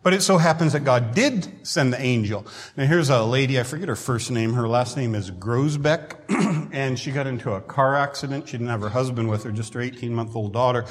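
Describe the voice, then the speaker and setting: A man preaching a sermon in a conversational way who often clears his throat, in a church hall. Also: medium pitch, fairly quick. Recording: long hall reverb.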